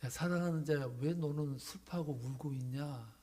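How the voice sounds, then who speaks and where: A man voicing God in a sermon story, speaking low, hushed and with teasing patience. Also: moderate pace, natural voice. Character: God, gentle fatherly voice from above.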